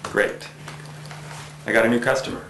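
An actor playing an eager salesman reporting to his boss, with a gravelly voice in an echoey, noisy room. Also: normal speed, a bit bright, lightly acted. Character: eager young salesman employee. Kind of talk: low-budget film acting.

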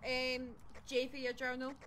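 A woman's voice: sits high, monotone, measured pace, a bit bright, slight background noise. A woman streaming a ghost-hunting game, chatting casually and shrieking and laughing when startled. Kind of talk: casual gaming chat.

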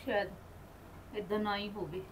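A woman with a Punjabi accent playing a hurt young woman who speaks softly and sadly. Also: medium pitch, fairly even intonation, normal speed, slight background noise, close to an everyday voice, rough recording. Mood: downcast. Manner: soft, downcast. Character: injured young woman, sad and weak.

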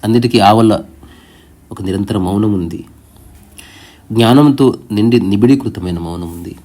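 A man narrating a spiritual story, reading it aloud in a calm, reflective way and slipping English words into his sentences. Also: fairly low pitch, moderate pace.

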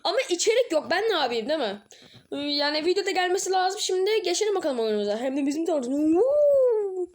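A young woman with a high voice talks her way through a horror game as a let's-play commentator. She is jumpy and excitable, cursing at scares, then sinking into low mutters while she plays. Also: fast talker. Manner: jumpy and excitable, swearing, drops to low mutters between outbursts. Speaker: gaming channel host.

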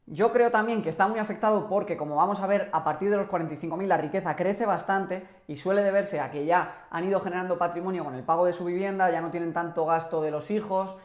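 Man explaining finances, roomy sound. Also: high-pitched. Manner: animated hand gestures, measured explanatory delivery. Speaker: personal finance youtuber. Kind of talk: explanatory to-camera talk. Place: small home office room. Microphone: lapel mic.

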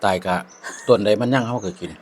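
A man with an Isan accent talks over a home meal in an unhurried, reflective way and uses plenty of polite particles. His voice sits at an ordinary middle pitch. There is faint background noise from cutlery. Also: a little mellow. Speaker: vlogger. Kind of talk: casual chat over a meal.

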